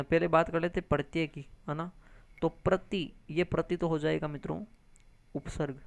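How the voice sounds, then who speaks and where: A man's voice: a little high, vocal fry, no echo. A male grammar teacher giving an exam-prep lesson, explaining step by step and answering his own questions. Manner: addresses viewers as friends, frequent tag questions.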